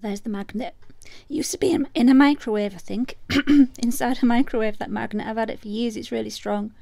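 A middle-aged woman chatting in a casual craft vlog, bubbly and chatty, sometimes dropping to soft murmurs. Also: on the high side, steady tone, a little fast, creaky, no echo. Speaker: resin artist vlogger.

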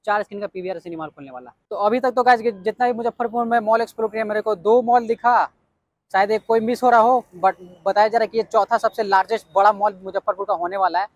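Walking around an outdoor building site, a man from Bihar, India, delivers his vlog in a high voice at a fast clip, tone steady and recording dry. His hyped, eager manner has him circling back to main points, often adding "yes indeed".

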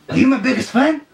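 A pet video creator gleefully putting on a silly voice for a pet bird, in excitable, joking chatter. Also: medium pitch, vocal fry. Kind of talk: playful pet-voicing vlog chatter. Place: indoors at home with pet birds. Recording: distant mic with loud background noise.

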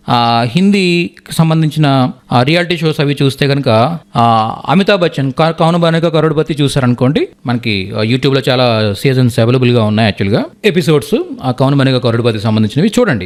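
A man teaching a Hindi lesson, explaining slowly and repeating each word for learners. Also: a little high. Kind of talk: spoken language lesson.

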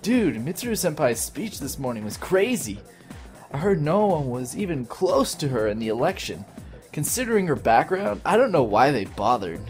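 A man's voice: a little high, big pitch swings, moderate pace, faint music behind. A man reading aloud the lines of a laid-back teenage boy classmate from a game, in his own everyday voice. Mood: gossiping.

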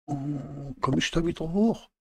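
Gravelly man muttering through a game. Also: fairly high pitch, a little slow, warm tone, dry recording. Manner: muttering to himself, thinking aloud. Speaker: game streamer. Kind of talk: casual live gameplay commentary.

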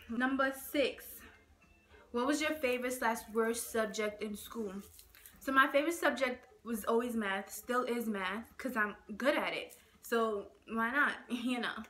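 Sitting indoors before a plain gray backdrop, a young vlogger from Nigeria rambles casually in a get-to-know-me video, peppering her talk with "like" and "okay." Her voice is a little high, with a fairly bright tone.

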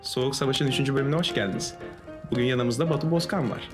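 A man hosting a casual joke challenge stream, talking lively and laughing easily. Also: medium pitch, fast talker, music in the background. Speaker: streamer host.

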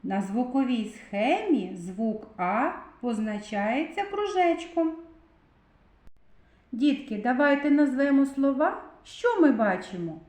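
A woman teaching little children in a slow, sing-song lesson voice, stretching out the key sounds. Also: high-pitched, sing-song, a little mellow. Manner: exaggerated, drawn-out stressed sounds. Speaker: kindergarten teacher. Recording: echoey room.

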